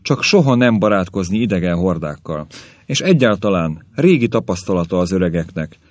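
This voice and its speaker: A man's voice: deep voice, sing-song, a little mellow, no room sound. A man voicing a grumbling old caveman grandfather who rants and complains about the young, in a story reading. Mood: ranting. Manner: querulous ranting.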